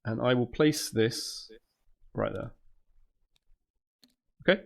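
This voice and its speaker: Gravelly man mumbling through his turn. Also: medium pitch, expressive, slow pace. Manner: mumbling, narrating his own moves. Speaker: player in a board game session. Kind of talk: casual gaming chat over voice call.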